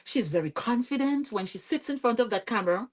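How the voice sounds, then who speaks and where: Chatty Vincentian woman, fairly high voice. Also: a little fast. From Saint Vincent and the Grenadines. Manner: lively, chatty, often asks "you see what I'm saying?". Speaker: podcast guest. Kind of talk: conversational storytelling interview.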